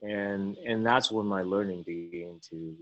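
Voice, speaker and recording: A man with a voice hoarse from a cold, speaking as an educator on a webinar panel, halting, with many ums and repeats. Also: deep voice, dry recording, dull audio. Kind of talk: casual personal story on a webinar panel.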